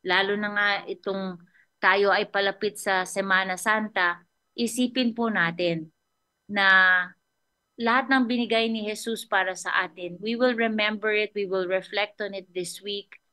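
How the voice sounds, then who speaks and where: A woman's voice: medium pitch, steady tone, unhurried, bright, forceful tone. A woman pastor with a Filipino accent giving a conversational sermon, often checking in with her listeners. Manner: conversational, mixing English and Tagalog, checks in with "okay?".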